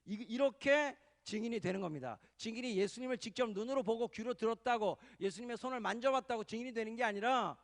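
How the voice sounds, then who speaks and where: A male pastor preaching an impassioned sermon at a church retreat, calling out hallelujahs and swelling into loud pleading cries. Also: extremely high pitch, fast talker, hardly any pauses. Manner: calls for amens and hallelujahs from the congregation. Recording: reverberant hall recording.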